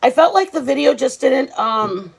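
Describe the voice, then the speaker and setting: Her voice sits high and husky, with vocal fry, lively intonation, and a moderate pace, and the recording quality is low. She's a woman hosting a home cooking vlog in her kitchen, chatting casually to the camera and calling viewers "guys."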